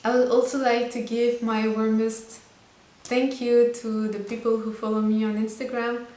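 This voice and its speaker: A woman's voice: fairly high pitch, little pitch movement, normal speed, mellow. A woman in her twenties, a native French speaker from Belgium, chatting earnestly to camera about her life. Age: 20s. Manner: earnest and chatty, with small restarts. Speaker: vlogger. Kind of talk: casual personal monologue to camera. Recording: echoey room with faint hiss.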